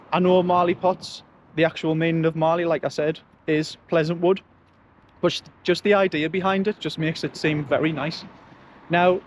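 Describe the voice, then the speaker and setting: A local-history vlogger with a Sunderland accent gives a relaxed, chatty walking tour in colloquial dialect as he strolls along residential streets. His voice is fairly high, and the recording has its highs cut off, with street and traffic noise around him.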